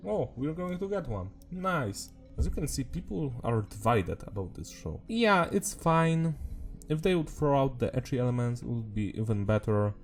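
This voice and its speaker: Here a man hosting an anime review video speaks in a mid-range, slightly mellow voice, hoarse from a sore, swollen throat. His commentary is casual and meandering, and he swears mildly.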